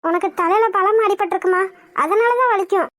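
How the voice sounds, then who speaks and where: A woman does cartoon voice acting as a caring, anxious middle-aged housewife, fussing in a motherly, worried way. Her voice is very high, fairly bright and a little fast, with no echo.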